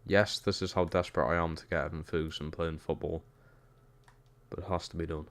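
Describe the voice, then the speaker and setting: A man's voice: sits low, little pitch movement, a little fast. A young man with a Geordie accent, chatting casually over a football game while streaming and reading chat. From Newcastle, England. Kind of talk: casual gaming stream commentary.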